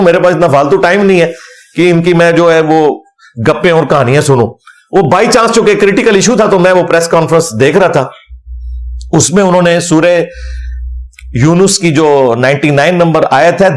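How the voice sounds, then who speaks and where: Animated man giving a scornful religious lecture. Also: fairly high pitch. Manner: animated, scornful, recites Arabic verses. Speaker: Islamic scholar.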